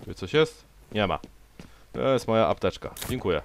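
A man's voice: fairly low pitch, big pitch swings, normal speed, vocal fry, slight background noise. A young man doing let's play commentary, sarcastically talking back to the enemies on screen. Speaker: gameplay commentator.

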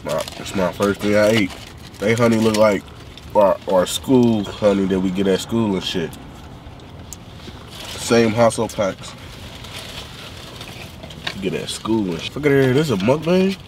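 A man's voice: fairly low pitch, a little slow, long pauses, a little mellow, a little hiss or hum. A young man in a car rambling in slangy casual chat with friends on a road trip. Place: inside a car. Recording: distant phone mic in a car, music behind.

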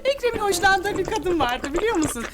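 A woman's voice: very high-pitched, big pitch swings, brisk. A woman acting in a family TV drama as a scheming, sugary wife and mother who exclaims theatrically. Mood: gleefully conspiratorial. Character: scheming, gushing wife and mother, openly wicked. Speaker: actor in a family drama series.

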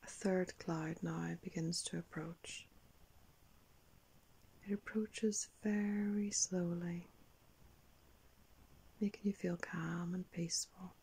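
An older woman narrating a guided meditation like a sleep story, in a soft, breathy whisper, calm and unhurried with long pauses. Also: lowish voice, poor audio. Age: older, around 60s. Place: small indoor room.

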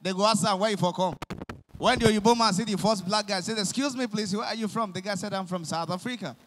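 A young man with a Nigerian accent doing animated stand-up comedy in Pidgin, acting out his characters, on a handheld mic on a concert stage. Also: high-pitched, quick pace. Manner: animated storytelling, acting out police and pastors. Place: large concert stage with live audience. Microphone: handheld microphone. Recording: long reverb of a large hall.

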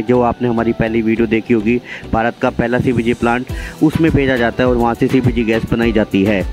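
A man narrating a factory process in a steady, explanatory voice-over. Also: medium pitch.

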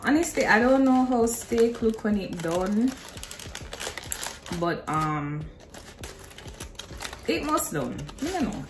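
There's background noise as this Jamaican-accented cooking vlogger in her twenties chats while cooking in her home kitchen, using informal, Creole-tinged phrasing. Her voice is on the high side and very animated, yet she takes it slowly and pauses often.

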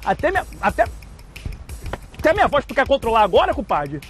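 A man loudly taunts someone over the phone in a staged prank, worked-up and challenging. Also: very high voice, wildly swooping pitch, fairly quick, soft background music. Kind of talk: loud staged phone provocation.

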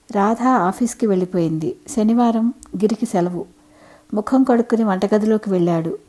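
A woman narrating a short story in a calm, even audiobook reading. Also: mid-range voice, rough recording.

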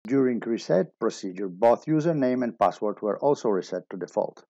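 A man giving a steady step-by-step technical tutorial as a voice-over. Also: mid-range voice, normal speed, dry recording, lo-fi sound. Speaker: instructor.

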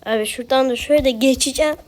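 A woman with a Turkish accent grumbles and talks to herself while playing a video game, offering casual commentary as a gameplay streamer. Her high voice races along with a slightly mellow quality.

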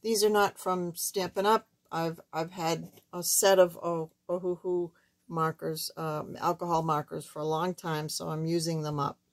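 Thin, squeaky-voiced older woman, low-pitched. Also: little pitch movement, a little slow. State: hoarse while recovering from surgery. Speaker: craft tutorial host. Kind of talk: casual card-making demonstration. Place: indoors at a wooden craft table, camera overhead.

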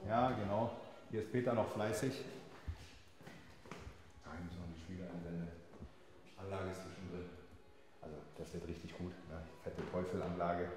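With a low, steady voice at normal speed, broken by long pauses, a man shows people around his indoor gym, speaking in a casual, colloquial way. Music runs underneath, and the hall-like rooms echo.

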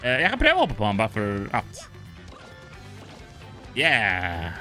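Chatty, bright-voiced man gaming. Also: on the low side, wildly swooping pitch, faint music behind. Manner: chatty, stammering, laughs often. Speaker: gaming channel host. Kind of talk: casual let's play commentary.

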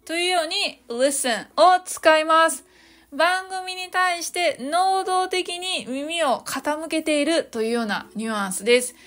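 High-voiced woman teaching English. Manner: cheerful, explains slowly, models English phrases slowly. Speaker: podcast host teaching English. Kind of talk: solo podcast English lesson. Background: soft background music.

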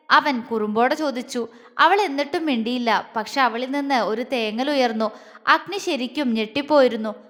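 Woman reading a love story, high voice, pretty emotional delivery, long reverb. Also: fairly bright tone. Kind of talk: scripted audio story narration.

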